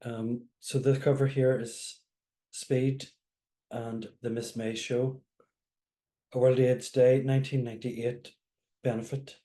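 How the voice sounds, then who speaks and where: A man's voice: mid-range voice, little pitch movement, slow, pauses often, mellow. A man interviewing someone in a casual, conversational way. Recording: echoey room.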